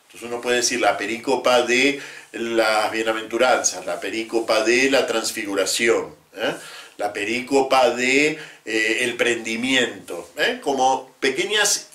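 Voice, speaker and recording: A man teaching about the Bible in a measured lecture, often adding short tag questions. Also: mid-range voice, a bit bright. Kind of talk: explanatory lecture. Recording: roomy echo.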